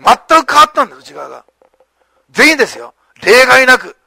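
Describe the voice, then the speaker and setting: A male pastor preaching a sermon with animated storytelling, acting out the lines of the people in the story. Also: very high voice, normal speed, gravelly, no echo.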